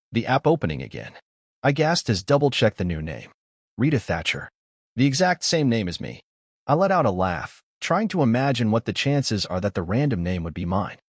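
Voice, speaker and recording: A man reading a scripted horror story aloud as narrator, with a lively, expressive delivery. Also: medium pitch, no echo, clean studio sound.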